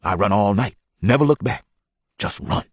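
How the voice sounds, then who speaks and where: A man voicing a frightened runaway father who speaks in broken grammar, halting and hushed. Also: fairly low pitch, breathy edge, no echo, clean studio sound, voice pushed down. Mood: anguished.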